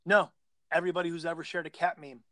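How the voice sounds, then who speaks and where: A man's voice: a little high, flat delivery, quick pace, bright, forceful tone, dry recording. A man co-hosting a casual chat, teasing and stubbornly arguing his side. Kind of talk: casual banter.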